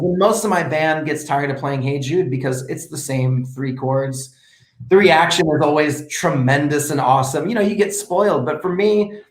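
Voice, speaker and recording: A man and performer chatting casually as a host, telling animated stories and often restarting his sentences. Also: fairly high pitch, reverberant. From United States. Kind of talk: casual chat.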